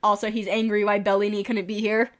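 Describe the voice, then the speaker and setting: A woman's voice: mid-range voice, flat delivery. Slightly sick woman reading game events. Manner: reads events with quick amused asides and chuckles. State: a little sick, with occasional coughs. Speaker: streamer. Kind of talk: casual game stream, reading in-game events aloud.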